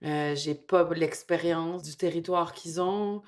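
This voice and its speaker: A woman's voice: fairly low pitch, slow. A woman in her fifties with a Montreal Quebec French accent, speaking reflectively and vividly in a documentary interview. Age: 50s.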